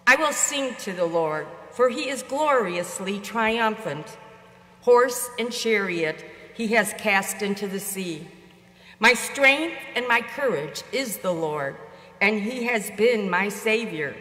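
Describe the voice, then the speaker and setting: An older woman reads scripture from a church lectern. Her delivery is slow, deliberate and declamatory, at a middle pitch, carried by a long cathedral echo. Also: lively intonation, sharp tone. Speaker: church lector. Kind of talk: scripture reading and responsorial psalm. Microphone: lectern gooseneck microphone.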